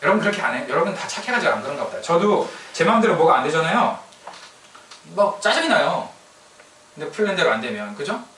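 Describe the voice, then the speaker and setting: A man's voice: a little high, sing-song, racing, hardly any pauses, fairly bright tone, a little hiss or hum. A man preaching a casual sermon, teasing the congregation and asking them questions. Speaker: pastor. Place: church sanctuary. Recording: echoey church hall from a distance.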